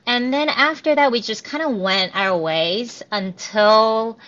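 A woman's voice: on the high side, slow pace, a bit bright. A woman in her thirties, a piano professor, chatting through an interview with many ums and restarts. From Korea, raised in New Jersey. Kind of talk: casual interview answers. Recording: dull lo-fi audio.

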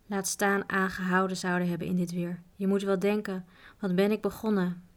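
A woman voicing Piak, a gruff, practical male mountain guide who grumbles matter-of-factly, in a storybook reading. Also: medium pitch, flat delivery, normal speed, natural voice.

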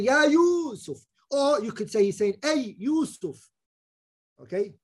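A man's voice: sits high, fairly bright tone, husky. A man giving a religious lesson, explaining phrase by phrase, repeating himself and checking that listeners follow. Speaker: religious teacher. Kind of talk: Quran exegesis lesson with Arabic recitation and English explanation.

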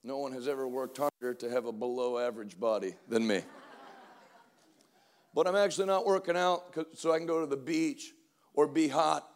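A man in his forties preaching a sermon, energetic and joking, calling out to the congregation for responses. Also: medium pitch, normal speed. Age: 40s. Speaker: pastor.

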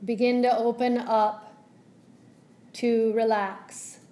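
As a yoga teacher, this woman leads listeners through a guided meditation with calm, gentle, measured phrases and long pauses. Her pitch is fairly high and her delivery is flat.

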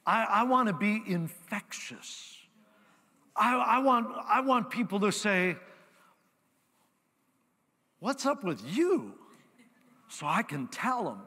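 A man's voice: high-pitched, animated, measured pace, sharp tone, long reverb tail. A man preaching as pastor, emphatic and repetitive, leading his congregation in call-and-response. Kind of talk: sermon. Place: church sanctuary.

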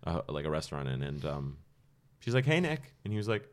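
A man's voice: a bass voice, animated, fast, a little mellow, clean tone. A young man, a guest comedian, tells a rambling story in casual podcast chat and acts out the quotes.

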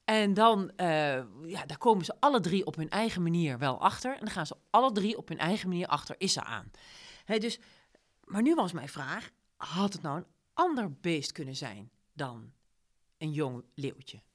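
A woman leading a casual discussion of a story, retelling scenes with lively quoted lines. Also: lowish voice, moderate pace. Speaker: discussion leader.

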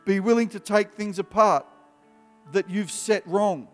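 Man, 50s, youth preacher, high animated voice, long hall echo. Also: measured pace. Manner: animated, emphatic preaching with rising bursts. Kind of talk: sermon to young people. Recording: live hall with long reverb, soft music behind.

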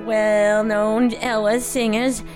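A woman reciting name trivia in a playful, deadpan way during a casual chat. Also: fairly high pitch, slow pace, faint music behind.

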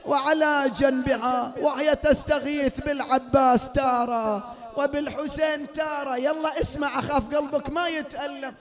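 Very high-voiced man chanting a lament. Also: steady tone, moderate pace, in a large hall. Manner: swings between spoken narration, wailing chant and shouted outbursts. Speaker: mourning reciter. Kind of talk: lamenting sermon with chanted verses. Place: mourning hall before a gathering.

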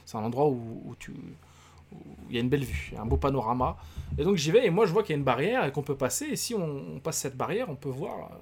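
A man's voice: a little high, fast, husky. Slangy young Frenchman telling a story. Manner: slangy, animated storytelling with quoted voices. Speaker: podcast co-host. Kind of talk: casual storytelling chat.

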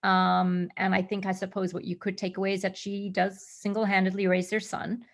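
Middle-aged actress guest from Zimbabwe and Australia; casual and chatty, slight fry. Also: female voice, mid-range voice, flat delivery, normal speed. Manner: chatty, many restarts and fillers. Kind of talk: casual interview answers.

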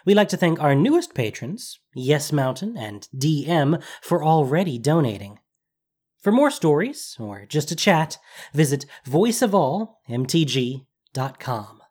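A narrator reading a fantasy story in an animated, expressive way. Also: mid-range voice, a little slow, breathy edge. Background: background music.

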